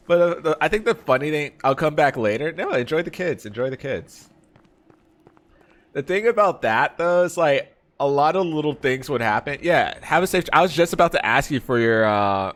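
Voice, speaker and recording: A man plays a game on stream and casually narrates a story, mimicking his friends and laughing often. He speaks at normal speed in a mid-range voice, using relaxed slang like bro and man.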